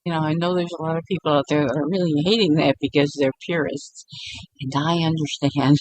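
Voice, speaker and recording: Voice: medium pitch, steady tone, brisk, rough recording. A YouTuber giving a casual late-night monologue meant to help people sleep, rambling with frequent restarts and often breaking into giggles.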